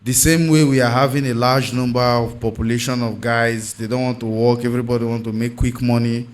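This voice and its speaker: A man's voice: medium pitch, level tone, fairly quick. A man with a Nigerian accent hosting a discussion in English mixed with Pidgin. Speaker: podcast host.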